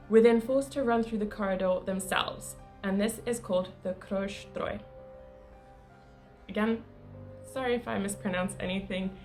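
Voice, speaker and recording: A travel vlogger narrates her vlog casually and chattily, with small laughs and fillers along the way. Her voice is mid-range and a little mellow, and Croatian is not her first language.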